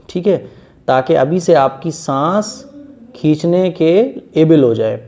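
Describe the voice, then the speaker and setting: A man's voice: on the high side, lively intonation, dark tone. A man teaching a beginners' Quran reading lesson, explaining letter sounds patiently and stretching each letter long in one breath.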